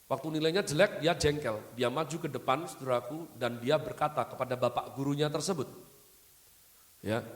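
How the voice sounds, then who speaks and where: A man's voice: mid-range voice, a little fast. A man preaching a storytelling sermon, often addressing the congregation as "saudaraku". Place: church hall. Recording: long church hall reverb.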